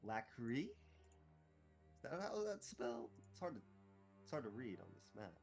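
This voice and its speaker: A man's voice: medium pitch, very animated, moderate pace, vocal fry, a little mellow, soft background music. A man playing a tabletop game, talking casually and hesitantly, often trailing off mid-sentence. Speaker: player.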